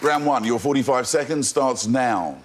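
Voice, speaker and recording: A man hosting a studio quiz show, steady in pitch and quick to joke with his players. He chuckles between questions, and a faint bed of show music sits under his voice. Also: crowd noise. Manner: brisk, jokey, chuckles between lines.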